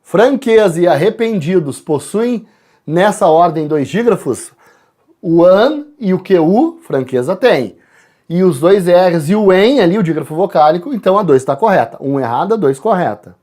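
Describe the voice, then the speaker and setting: A man's voice: high-pitched, moderate pace. A man from Brazil, a teacher walking students through exam answers, calling out letters and addressing the class. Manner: lively, addresses students directly, spells out letters.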